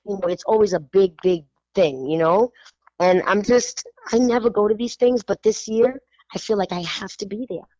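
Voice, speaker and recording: A woman from Spanish Harlem, hosting a radio show in animated, emphatic casual chat. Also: medium pitch, moderate pace, dry recording, lo-fi sound. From New York (Spanish Harlem). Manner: animated, emphatic, lots of "you know".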